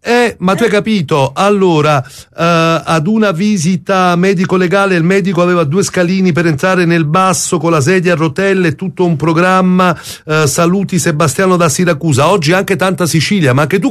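A man's voice: high voice, brisk, hardly any pauses. A man with a Neapolitan accent hosting a live radio show in casual chat. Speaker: radio host.

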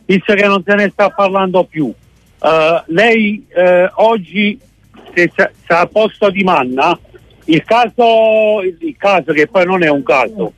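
A man calling in over the phone to a radio show, putting a halting question with many hesitant fillers. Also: high voice, dry recording, soft background music. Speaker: caller.

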